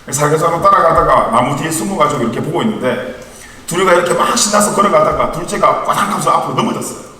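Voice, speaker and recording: In an echoey church hall, recorded from a distance, a man in his thirties who ministers to young adults gives a conversational sermon, telling family stories with light humor. His voice is a little high, expressive and bright, with a forceful tone, and he talks very fast in a chatty, storytelling way.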